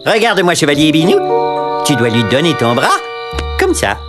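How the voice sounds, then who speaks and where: Eager, animated little cartoon knight. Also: female voice, deep voice, normal speed, loud music behind the voice. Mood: earnest. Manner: earnest, instructive.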